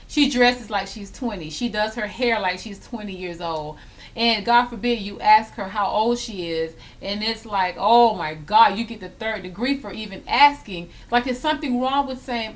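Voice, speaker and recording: A woman in her thirties, a hair vlogger, chatting casually and emphatically while acting out little scenes. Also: fairly high pitch. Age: 30s. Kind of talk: casual chatty vlog tag.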